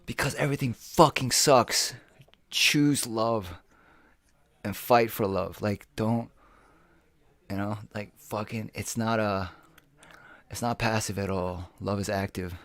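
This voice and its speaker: A man's voice: fairly low pitch, takes it slowly, long pauses, a bit bright, no room sound. Dry-voiced, rambling, profane podcast man. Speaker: podcast co-host. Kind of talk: casual chat.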